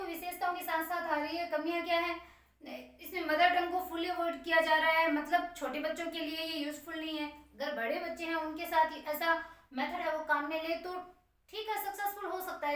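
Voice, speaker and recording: A woman teacher giving an exam-prep lecture, explaining step by step and dictating key points slowly word by word. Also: very high-pitched, fairly bright tone. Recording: very echoey room, voice from a distance.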